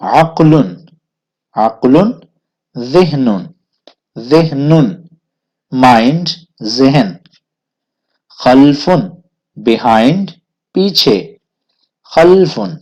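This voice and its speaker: A man teaching a vocabulary lesson, saying each word twice, then its meaning, in a slow, deliberate way, with a Pakistani Urdu accent. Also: mid-range voice, expressive, a little mellow. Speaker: language teacher. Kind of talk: vocabulary lesson, repeating words slowly.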